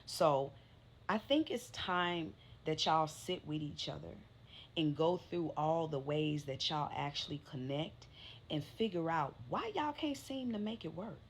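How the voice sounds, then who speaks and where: A woman's voice: low voice, expressive, a little slow, slight background noise. A woman giving reaction commentary in a wry, teasing and pointed way.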